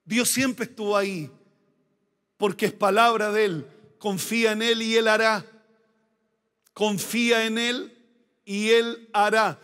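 High-voiced emphatic male pastor preaching. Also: steady tone, takes it slowly, pauses often, pushed and bright. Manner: emphatic, repeats phrases for emphasis. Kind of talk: sermon.

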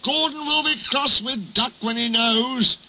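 A man's voice: extremely high pitch, measured pace, background noise, voice pushed up. A man voicing cheeky, troublesome railway trucks in a children's storybook, rude and mischievous. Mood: mocking, gleeful.

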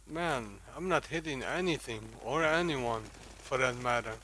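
A man's voice: mid-range voice, measured pace, bright, forceful tone. A man commentating his own video game as an exasperated raging gamer, muttering taunts and complaints. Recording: game gunfire and noise behind voice. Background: video game gunfire.

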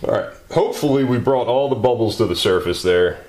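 A man hosting a maker channel chats and jokes casually in his garage workshop, thinking aloud and exclaiming as he works. His slightly mellow voice is on the low side and brisk. The recording is rough.

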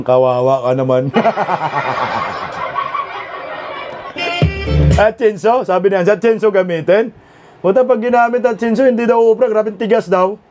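Filipino guy hosting a livestream, high voice swinging all over, loud music behind. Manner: teasing, mocking a viewer with loud laughs. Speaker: livestream host. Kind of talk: casual livestream banter.

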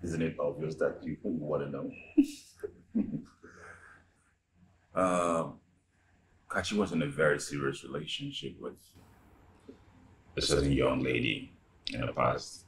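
An actor with a Nigerian accent plays a recently divorced man, the boss's friend, confiding in a young employee; he talks easily and laughs between remarks. His voice is extremely low and slow with long pauses, heavily acted, in an echoey room with background noise.

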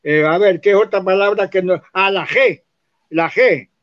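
A man teaching, explaining spelling and pronunciation slowly and repeating words to show how they sound. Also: high voice, fairly bright tone. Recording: dull lo-fi recording.

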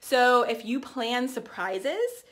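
A woman in her thirties talks straight to camera, coaching her team in a loose, chatty way. Her voice sits a little on the high side, and she keeps going with fillers and quick restarts as her energy carries her along. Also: sing-song, fairly bright tone. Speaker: team trainer. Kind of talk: casual training talk to camera.

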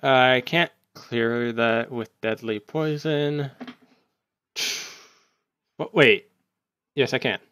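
A man giving casual gameplay commentary, thinking aloud as he plays and breaking into sudden excited outbursts. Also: medium pitch, very slow, pauses often, clear, resonant tone, no room sound. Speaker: gaming YouTuber.

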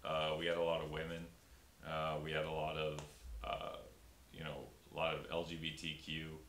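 With a completely flat delivery at a moderate pace, a very deep-voiced young man sounds fairly bright. He's a comedian in a relaxed interview, restarting often and leaning on fillers. A fixed camera holds his upper body in a small room with a pink backdrop; the audio is roomy and faintly hissy.

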